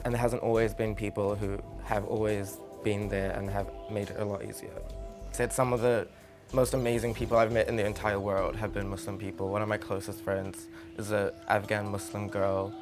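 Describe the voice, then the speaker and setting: A man, speaking earnestly and reflectively in an interview. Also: lowish voice. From New Zealand. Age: 20s. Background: music.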